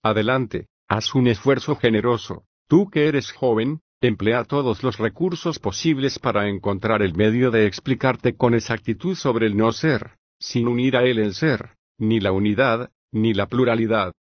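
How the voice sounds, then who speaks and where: Male reader as a questioning philosopher, audiobook, mid-pitched, unhurried. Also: no echo, highs cut off, lightly acted. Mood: probing.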